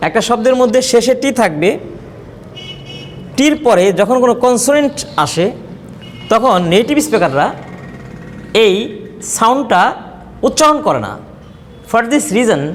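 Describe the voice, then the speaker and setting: Male English teacher with a Bangladeshi accent, lively pitch, drills words slowly, reverberant room. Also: slight background noise. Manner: repeats example words slowly, contrasting pronunciations. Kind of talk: spoken English lesson. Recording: long reverb.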